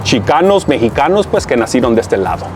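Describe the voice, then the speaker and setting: A man's voice: medium pitch, big pitch swings, a little fast, over music. A man born in the United States, answering an interview in a casual, chatty way outdoors. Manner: casual, chatty, checks in with listener. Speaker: interviewee, musician.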